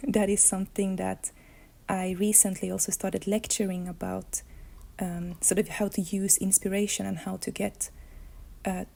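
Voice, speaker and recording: Here an illustrator and comics artist from Finland, whose mother tongue is Swedish, looks back on her life in a monologue. Her voice is gravelly, level and medium-pitched, and she thinks aloud, hunting for words.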